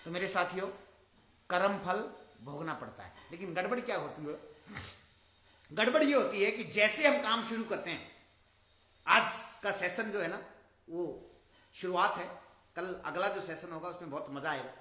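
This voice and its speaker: A man giving a motivational talk, telling a story dramatically and acting out its shouting characters, swinging between loud and soft. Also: high-pitched, lively intonation, normal speed, pauses often, reverberant. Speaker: motivational speaker for a business network. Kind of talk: motivational talk with acted anecdotes.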